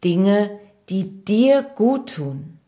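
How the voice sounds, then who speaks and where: Lady doing a caring doctor in a kids story, super slow, gentle. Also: medium pitch, very animated. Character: farmer and doctor, kindly adults. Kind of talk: children's audio story.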